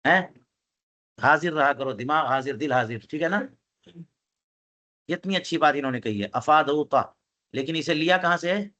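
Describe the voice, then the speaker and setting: A man's voice: fairly high pitch, pauses often, sharp tone, dull audio. A man teaching a religious text to students, reading Arabic passages aloud and explaining them line by line, often asking his listeners questions. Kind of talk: classroom text commentary.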